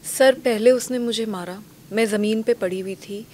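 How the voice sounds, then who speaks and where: A woman's voice: mid-range voice, moderate pace, warm tone. A woman guest giving an earnest, detailed account in an interview.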